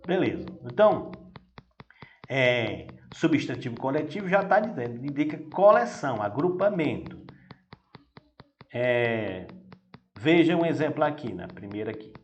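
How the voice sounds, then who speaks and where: A man's voice: medium pitch, big pitch swings, unhurried, pauses often, highs cut off. A man teacher, patiently walking pupils through a grammar exercise and often checking they follow. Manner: patient, repeats "vai dar o quê?" and "né?". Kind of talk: recorded classroom lesson walkthrough. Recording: echoey room with faint noise.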